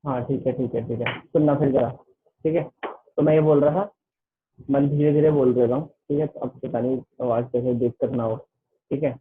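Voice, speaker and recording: A man tutors students in a casual online class, speaking at normal speed in a steady, medium-pitched voice. He rambles loosely and says "ठीक है" ("okay") after nearly every phrase, and the online-class call sounds tinny, like a phone line.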